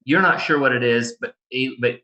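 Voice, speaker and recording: A man narrating a tabletop game as game master, improvising and pausing mid-phrase. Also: medium pitch, pushed and bright, dull audio. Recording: echoey room.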